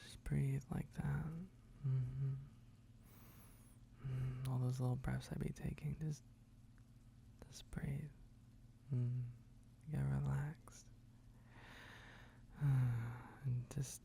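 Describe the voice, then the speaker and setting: A man playing a tender, teasing, sleepy boyfriend in an ASMR role-play, murmuring drowsily in a husky, breathy voice with soft hums and sighs. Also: mid-range voice, expressive, slow pace, long pauses, full character voice. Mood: soothing, caring. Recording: faint background noise of rain.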